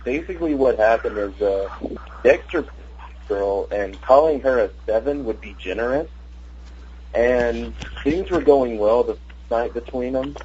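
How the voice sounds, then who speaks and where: A man calling in on speakerphone with the phone held away from him, telling a rambling, halting story. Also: fairly low pitch, a little mellow, slightly rough. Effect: on speakerphone, phone held away, muffled. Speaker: caller. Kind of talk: casual call-in chat. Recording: muffled lo-fi phone line.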